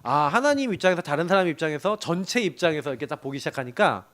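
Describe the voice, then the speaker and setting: A middle-aged man preaching to a young adults group, telling animated stories and often laughing. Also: fairly high pitch, fast talker. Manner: animated storytelling with laughs and acted quotes. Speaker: pastor.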